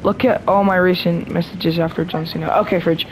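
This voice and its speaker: Excitable woman hosting casual gaming chat. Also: fairly low pitch, a little fast, slight background noise, low-quality recording. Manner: excitable, chatty, slangy. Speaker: gaming channel host.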